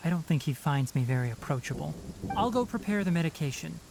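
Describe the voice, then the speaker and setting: A man voicing a composed young forest ranger and herbalist in a video game, speaking in a measured, matter-of-fact, formal way. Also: fairly high pitch, animated, gravelly, noisy background. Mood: calm, brisk. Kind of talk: scripted video game character dialogue. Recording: music playing behind the voice.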